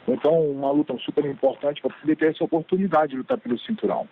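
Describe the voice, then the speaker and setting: A man's voice: fairly high pitch, lively intonation, very fast, vocal fry. A man, a fighter, answering a reporter's question over a conference call phone line, hesitant and thinking aloud with fillers. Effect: heard over a phone conference line. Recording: tinny phone line with faint hiss.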